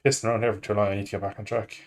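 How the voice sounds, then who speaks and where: This Irish-accented man speaks fast in a fairly low, creaky voice with little rise or fall. While streaming a motorbike racing game he rambles on, jokes around and mocks himself in easy gaming chatter.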